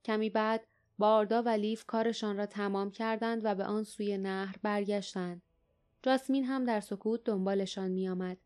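A woman reading an audiobook aloud, calm and even, with a mid-range voice. Her storytelling is steady and measured. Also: mid-range voice, smooth. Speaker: audiobook narrator. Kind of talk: scripted narration.

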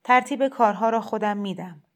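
A woman voicing a gentle, persuasive male shrine cleric in a storybook reading, speaking in a heavy, soft, kindly insistent way. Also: mid-range voice, natural voice. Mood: coaxing.

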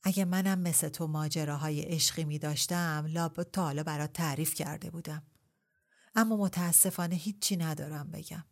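A woman voicing a spirited, quick-tongued young bride who answers back higher and brighter than the narration. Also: steady tone.

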